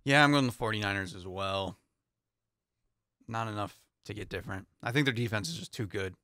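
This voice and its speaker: A young man co-hosts a casual sports podcast, his lowish voice carrying a bright, forward tone as he reads out matchups at a brisk clip with easygoing light laughs. He's in a small studio lined with foam panels, wearing headphones and speaking into a boom-arm studio mic. The sound is dry, with no room sound at all.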